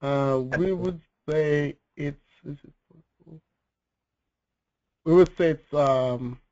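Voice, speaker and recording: A man's voice: fairly high pitch, slow pace, mellow, highs cut off. A male student answering a question in class, hesitant and unsure.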